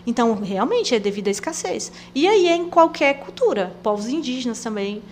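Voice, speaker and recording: A woman's voice: a little high, a little fast, a little hiss or hum. A woman missionary with an inland São Paulo accent, the rolled caipira R, chatting as a podcast guest and acting out the dialogue in her stories. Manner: animated storyteller, acts out quoted dialogue. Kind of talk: podcast interview conversation.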